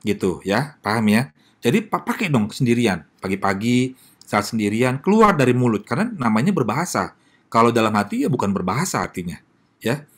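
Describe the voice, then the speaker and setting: A man's voice: mid-range voice, very animated, brisk. A man with an Indonesian accent, a pastor giving a casual sermon and answering questions, talking straight to his listeners with many tag questions.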